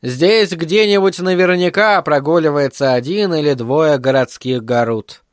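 A man's voice: on the high side, no room sound, studio quality, lightly acted. A man voicing a thoughtful, guarded adult woman journalist in an audiobook. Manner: measured, thoughtful.

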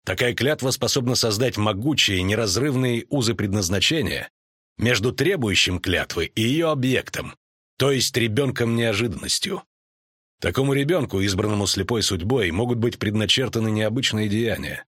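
A man reading an audiobook voices a grim, steady monster-hunter who speaks calmly and firmly. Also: on the low side, normal speed, husky, no echo, clean studio sound. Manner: calm, firm speech.

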